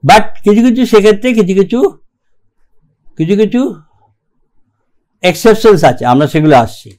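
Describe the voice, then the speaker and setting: A man teaching English grammar in a recorded lecture, reading rules aloud slowly and keeping checking that the class follows. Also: high voice, animated, a little mellow. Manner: slow and deliberate, reads English rules aloud, keeps checking "ঠিক আছে?".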